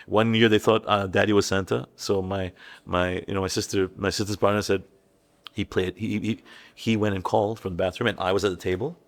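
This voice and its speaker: A middle-aged man with a low, gravelly voice that drops into fry, speaking as a podcast guest. He is candid and halting, circling back over his words and stacking restarts. When he quotes his family, he slips into acting out their voices. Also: fairly even intonation. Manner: acts out family members' voices when quoting them. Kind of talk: candid personal storytelling.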